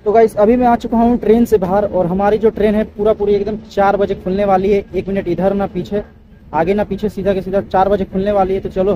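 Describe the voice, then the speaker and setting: A man's voice: high voice, warm tone, dull audio. A young man chatting to viewers as a travel vlogger, filming on an action camera inside a train coach and on station platforms. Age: young adult. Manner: chatty, addresses viewers as guys. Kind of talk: casual vlog narration. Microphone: action camera held close. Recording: noisy handheld train recording. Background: train and station noise.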